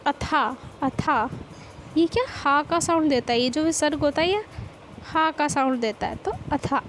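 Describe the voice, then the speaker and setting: High-voiced woman teaching a grammar lesson. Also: moderate pace, slight background noise, rough recording. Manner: explanatory, repeats questions to students.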